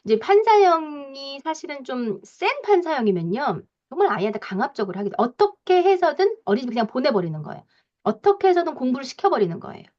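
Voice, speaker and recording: A woman parenting coach giving a lecture, talking in a lively way with frequent soft fillers and acting out parents' lines as she explains. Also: sits high, quick pace, dull audio.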